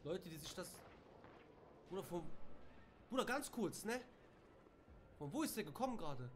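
A young man with reacts to a horror game from his room at home, his voice sitting high. He gets jumpy and curses under pressure, and a clear hum of background noise runs under the stream. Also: sing-song, normal speed. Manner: jumpy, swears, shouts when startled. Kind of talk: casual let's play commentary.

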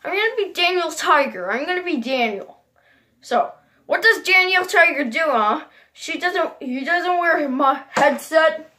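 Comedic vlog character: a woman doing a jealous eleven-year-old boy, very high, bright voice, rambling and quick to rage. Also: animated, full character voice. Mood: grumbling.

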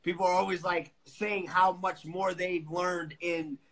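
A man with a high, bright, forceful voice talks loosely and agreeably, with plenty of slang. He comes in as a guest on a video call. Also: flat delivery, measured pace, poor audio. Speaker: co-host on live stream. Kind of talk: casual live chat.

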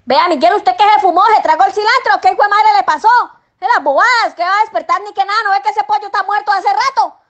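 A woman's voice: very high-pitched, quick pace, hardly any pauses, lo-fi sound. A woman playing an exasperated mother in a comedy sketch, scolding and cursing at her son. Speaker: sketch actor.

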